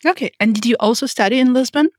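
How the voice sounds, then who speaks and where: A woman's voice: a little high, fast talker, dry recording, studio quality. A woman hosting a business podcast, reading a scripted welcome and then asking her guest conversational questions. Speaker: podcast host. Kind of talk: podcast interview.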